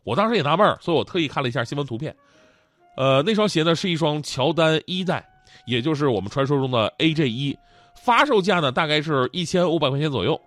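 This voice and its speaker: With a slightly high voice and a quick pace, a man hosts and tells comic stories, animated and joking, laughing often throughout. No room sound is audible.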